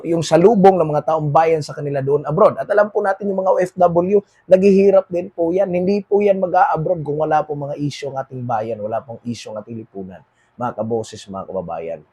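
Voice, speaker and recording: Fairly high-pitched and slightly rough, a Filipino-accented man from the Philippines delivers a political commentary monologue, mixing read English passages with Tagalog. "Mga kaboses, mga kababayan" comes up again and again, and his phrase endings fade quieter.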